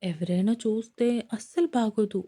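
A woman's voice: mid-range voice, moderate pace, warm tone, natural voice. A woman voicing a playful young wife in a romance audio story, coaxing and pouting at her husband.

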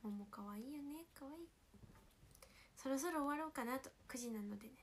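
Soft-spoken Kansai girl with a sore throat. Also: sits high, lively intonation, brisk, slight background noise. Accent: Kansai Japanese. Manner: soft-spoken, often drops to a whisper. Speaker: idol livestream host. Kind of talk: casual livestream chat with fans. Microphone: phone.

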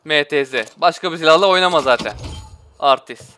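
Bright-voiced man ranting over gameplay. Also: on the high side, fairly quick, smooth. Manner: swings between frustrated outbursts and mumbling to himself; taunts opponents with slangy trash talk. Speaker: gaming streamer. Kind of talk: live gameplay commentary.

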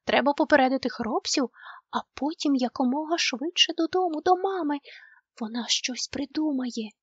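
A woman voicing a brave, eager young male moomin troll in a storybook reading, with excited exclamations. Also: sits high, moderate pace, no room sound, highs cut off, pitched above the performer's own voice, lightly acted. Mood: urgent.

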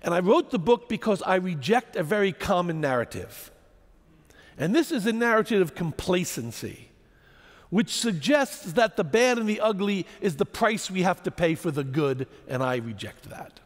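Animated male lecturer, lively high voice. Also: moderate pace, big-room sound. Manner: animated storytelling, rhetorical questions. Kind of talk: public lecture to an audience.

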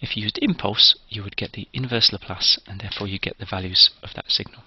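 Man, lecturer, methodical step-by-step explaining, husky gravelly voice, dull dry lo-fi recording. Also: lowish voice, fast talker, bright, forceful tone. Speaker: engineering lecturer.

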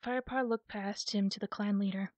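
A woman reading a children's animal novel aloud in a calm, measured soft ASMR style, close to the mic. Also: medium pitch, no room sound, highs cut off. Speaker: audiobook reader.

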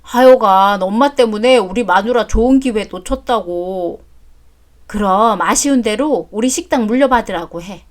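A woman's voice: medium pitch, moderate pace, natural voice. A woman voicing an exasperated adult son who answers his mother curtly in a story drama. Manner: curt, exasperated. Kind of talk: story drama read aloud.

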